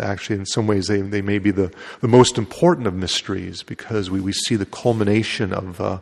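Deep-voiced male priest in cathedral echo. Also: creaky. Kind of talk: Gospel reading and homily. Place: large echoing church. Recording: cathedral-like echo, long hall reverb.

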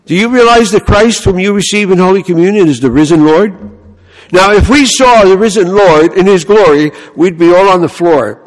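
An older man from the Bronx with a New York accent, a priest giving an animated sermon and telling stories, often asking "huh?" and "you know". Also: high-pitched, normal speed, in a large hall.

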